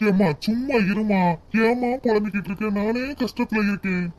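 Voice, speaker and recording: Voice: mid-range voice, fairly even intonation, moderate pace, darkish tone, lightly acted. A voice actor playing a guilt-ridden husband in a cartoon, pleading and soothing. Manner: pleading and soothing, breaks into tears. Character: husband, guilt-ridden drinker who lost his car. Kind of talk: cartoon voice acting.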